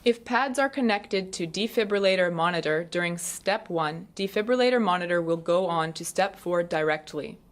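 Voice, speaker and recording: A woman reading a scripted product tutorial in a measured, step-by-step explanatory way. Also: lowish voice, expressive. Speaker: instructional video narrator. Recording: roomy, distant, clearly noisy recording.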